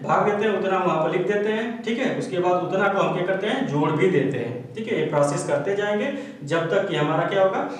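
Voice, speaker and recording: Male math teacher, high voice, step-by-step classroom explanation, recorded from across an echoey room. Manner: explains step by step, keeps checking with "theek hai". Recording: echoey room, speaker far from mic.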